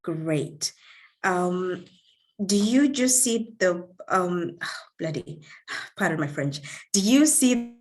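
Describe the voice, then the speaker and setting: Low-voiced kenyan woman giving a leadership talk on a video call, earnest, lots of ums and restarts. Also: animated, takes it slowly, long pauses. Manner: warm and earnest, with frequent fillers and repeated words. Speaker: guest speaker.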